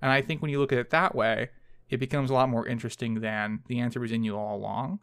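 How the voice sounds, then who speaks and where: A man's voice: medium pitch, steady tone, fast talker, a bit bright, clear, resonant tone, dry recording, clean studio sound. A man in a casual academic discussion, talking thoughtfully and analytically with some hedging.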